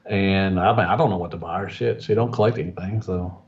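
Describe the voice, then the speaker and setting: A man's voice: low voice, a little fast. A man co-hosting a casual podcast who talks eagerly about toys. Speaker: podcast co-host. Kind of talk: casual chat. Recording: distant and dull.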